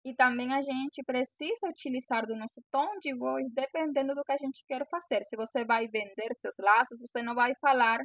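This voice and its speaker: A bow-maker coaching sellers, this young woman from Venezuela speaks native Spanish with a Venezuelan accent, addressing the camera earnestly and encouragingly and repeating phrases. Her high, fairly bright voice moves at a moderate pace with few pauses, recorded dry.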